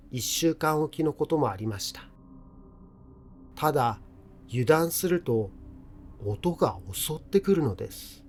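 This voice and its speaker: A man reading a scripted ghost story in a measured, deliberate way, pausing between short phrases. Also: mid-range voice, darkish tone. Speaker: horror story narrator. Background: music.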